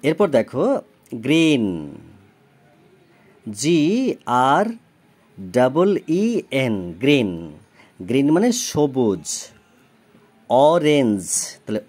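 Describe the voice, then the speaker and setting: A man's voice: medium pitch, animated, very slow, long pauses, darkish tone, slightly rough. A man, tutoring a child in a recorded homework lesson. He spells words letter by letter, gives their meanings, and keeps asking whether the child understands. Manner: often checks understanding with questions.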